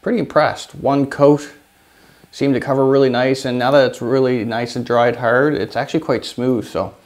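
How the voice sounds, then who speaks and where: A man in his thirties hosting a workshop video, talking casually to the camera in an indoor home shop with a lapel mic, relaxed and rambling with lots of fillers. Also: medium pitch, moderate pace.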